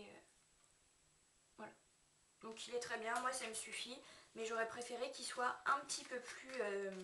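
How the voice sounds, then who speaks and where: A woman giving a casual makeup brush review to her viewers, chatty and hesitant, often pausing and correcting herself. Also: on the high side, a bit bright. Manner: chatty, hesitant, with frequent fillers and self-corrections. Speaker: beauty vlogger. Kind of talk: casual product review to camera. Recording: echoey room, mic set at a distance.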